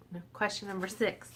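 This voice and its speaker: With a pushed, bright, medium-pitched voice, a vlogger in her forties chats to her viewers at home while a little tipsy. She laughs often and talks herself down in a chatty way, and a little hiss or hum can be heard.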